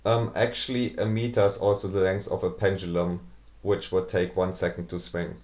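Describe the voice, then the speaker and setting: A man's voice: deep voice, little pitch movement, moderate pace, a little mellow. A man giving rebuttal commentary in a pedantic, sarcastic manner. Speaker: video commentator debunking claims. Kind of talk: rebuttal commentary over clips.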